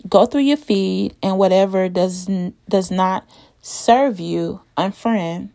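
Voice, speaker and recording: A woman speaks at an unhurried pace in a mid-pitched voice with plenty of creak. The sound is close and dry. She hosts a motivational self-care talk, deliberate and encouraging, talking right to her listeners. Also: mellow, no room sound. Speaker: host giving motivational self-care advice.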